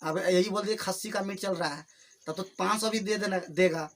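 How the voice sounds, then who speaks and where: Slow, patient male English teacher. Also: high-pitched, fairly bright tone. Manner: slow, repetitive explaining, addresses students fondly. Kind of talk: spoken English lesson taught in Hindi. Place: classroom with students. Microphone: filmed on camera without a microphone.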